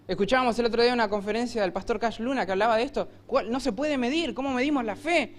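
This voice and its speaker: A man with a Rioplatense Spanish accent preaching a sermon in a church, telling the story vividly and acting out shouted lines. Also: very high-pitched, fast. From Argentina. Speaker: pastor.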